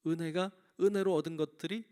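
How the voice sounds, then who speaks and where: A man's voice: fairly high pitch, steady tone, quick pace, dark tone, clean tone. A male senior pastor preaching a sermon in church, telling a story and asking the congregation questions.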